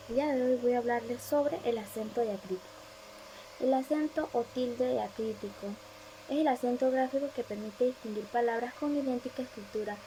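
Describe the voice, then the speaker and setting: Woman, student presenter, reads aloud, stresses example words, mellow tone, higher voice. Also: a little hiss or hum, rough recording. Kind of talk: reading a class presentation.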